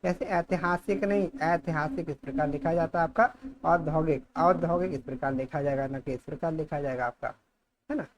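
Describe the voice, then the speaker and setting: A man's voice: a little high, brisk, a little hiss or hum. A man teaching a grammar lesson for exam preparation, saying each word more than once in a dictating way. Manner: repeats each word, dictating-style explanation.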